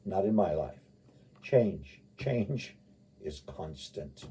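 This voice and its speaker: Over muffled live radio, a man preaches and teaches the Bible in a rambling, folksy, informal manner, repeating points emphatically. His low-pitched voice is husky, gravelly, and dark-toned, expressive, with drawn-out words.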